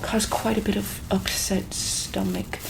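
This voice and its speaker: In an ASMR medical roleplay, a soft-spoken woman plays an examiner who asks gentle questions, repeats them, and now and then slips into a breathy whisper. Her pitch is medium, her tone level, and her pace a little slow, with background noise behind her.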